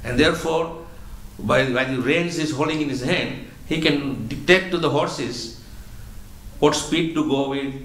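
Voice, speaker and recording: A man giving a religious lecture as a spiritual teacher, explaining slowly and patiently, often repeating words as he goes. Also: a little high, fairly bright tone, roomy sound, rough recording.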